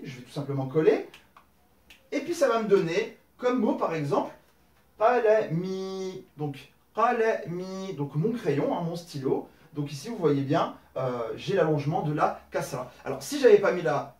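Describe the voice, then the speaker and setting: A man's voice: high-pitched, a little mellow, roomy sound, distant mic. A man teaching a language lesson at a whiteboard, explaining step by step and often checking in with "d'accord?". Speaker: Arabic teacher.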